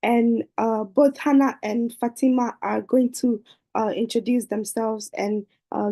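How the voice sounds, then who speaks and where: A woman's voice: on the high side, gravelly, warm tone, rough recording. A woman hosting an online dating show over a video call, speaking hesitantly with many fillers. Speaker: host.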